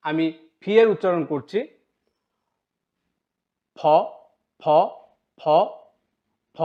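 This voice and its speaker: A man teaching English pronunciation in a video lesson, speaking slowly and demonstrating sounds again and again for practice. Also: high voice. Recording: dull lo-fi sound.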